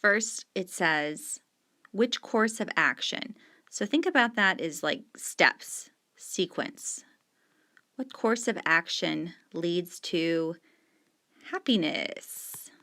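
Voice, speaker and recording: Her fairly low voice has lively intonation, a slow pace, and a pushed, bright quality. She's a middle-aged teacher patiently going over discussion questions, leaning on key words as she marks up the page on screen with a pen.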